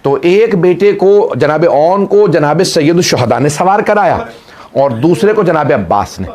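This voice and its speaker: A man's voice: fairly high pitch, animated, measured pace, a little mellow. A man preaching, narrating a mourning story with passion and often calling his listeners brother. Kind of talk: emotional sermon narration.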